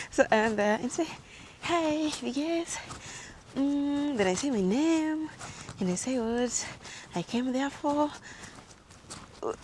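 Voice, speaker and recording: A young woman from Africa, chatting and telling stories on a casual vlog while walking outdoors, lively and quick to laugh. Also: mid-range voice, slight background noise. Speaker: vlogger.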